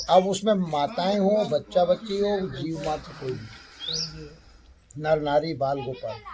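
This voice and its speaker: A man giving a spiritual satsang discourse, explaining each term by repeating and defining it. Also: sits high. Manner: slow, explains terms by repeating and defining them. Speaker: spiritual teacher.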